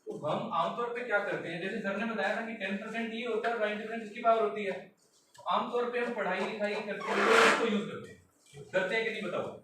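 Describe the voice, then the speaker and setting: A man's voice: high-pitched, steady tone, quick pace. A man leading a live memory workshop, quizzing and addressing his audience as he explains the brain. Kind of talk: live classroom talk. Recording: distant voice in echoey hall with noise.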